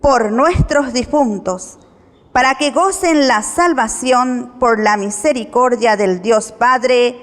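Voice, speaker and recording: A woman reading the prayers of the faithful at Mass in a measured, formal way, with a cathedral echo around her voice. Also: fairly high pitch. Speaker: lector reading intercessions. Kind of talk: liturgical reading. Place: large church. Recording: church with long reverb.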